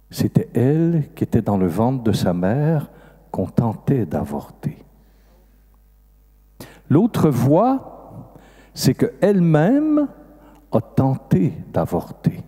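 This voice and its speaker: This is an older man with a Québécois French accent, a priest telling a story from the pulpit. His voice is mellow and a little husky, and it swings widely in pitch as he acts out the dialogue. A long reverb from a big hall trails after every phrase. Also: slow, pauses often. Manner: animated, acts out dialogue with sudden rises in pitch. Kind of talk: storytelling sermon. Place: large festival hall.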